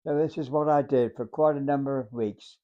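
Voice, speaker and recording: A hundred-year-old man, a war veteran telling his memories in a halting, deliberate way. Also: medium pitch, fairly even intonation, dark tone, dull audio. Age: 100. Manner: halting, deliberate, acts out remembered dialogue. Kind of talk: unscripted reminiscence, storytelling.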